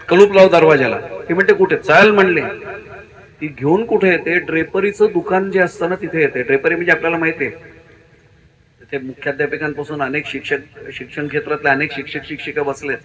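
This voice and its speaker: A man's voice: high voice, fairly bright tone, low-quality recording. A middle-aged man from Maharashtra, India, preaching a storytelling sermon and acting out the dialogue of the people in his story. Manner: acts out dialogue of story characters with voice shifts. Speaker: kirtan preacher.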